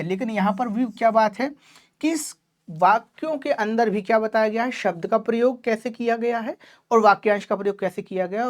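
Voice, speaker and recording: A woman teacher giving an online class lecture in Hindi, explaining patiently and checking in often with her students, whom she calls child. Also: fairly high pitch. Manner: addresses students affectionately as child.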